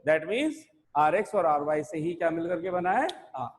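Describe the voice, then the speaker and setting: A male physics teacher giving a classroom lecture in mixed Hindi and English, asking rhetorical questions and dictating terms slowly with repetition. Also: a little high, expressive. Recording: long hall reverb.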